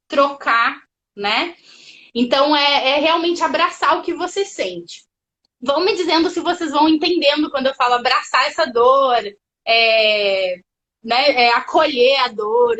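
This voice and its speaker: Therapist lady on a live stream, pretty high voice, chatty, keeps asking viewers stuff. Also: a bit bright, poor audio. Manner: conversational, addresses viewers directly, many fillers. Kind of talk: casual live-stream talk. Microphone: phone or laptop mic on a live stream.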